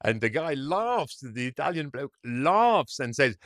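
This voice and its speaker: Male commentator, animated storyteller, dry mic. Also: mid-range voice, a little slow, no room sound. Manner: animated storytelling, frequent fillers and restarts. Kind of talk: casual monologue commentary.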